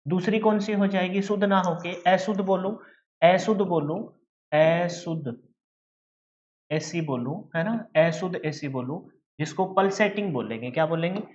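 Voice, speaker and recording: A man's voice: high voice, normal speed, a little mellow, muffled recording, a little hiss or hum. A male teacher giving a lecture, who asks questions and answers them himself and calls his students "beta". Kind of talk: classroom lecture.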